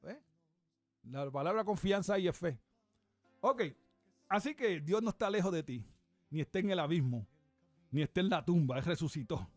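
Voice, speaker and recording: Animated preaching man, high dry voice. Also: normal speed, long pauses, dry recording, faint music behind. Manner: animated, repeats questions, looks up verses aloud. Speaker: reverend and radio preacher. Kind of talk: conversational radio sermon.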